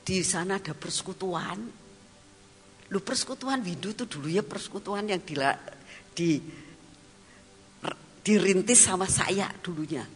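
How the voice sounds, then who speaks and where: A woman evangelist, preaching a storytelling sermon, animated and laughing, then dropping to whispered asides. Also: fairly low pitch, unhurried, pauses often, in a large hall, faint music behind.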